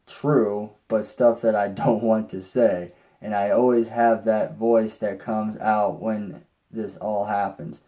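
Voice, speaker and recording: Slow-talking man with a dark voice. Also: fairly low pitch. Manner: rambling, with restarts and mild swearing. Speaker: vlogger. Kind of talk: casual personal storytelling.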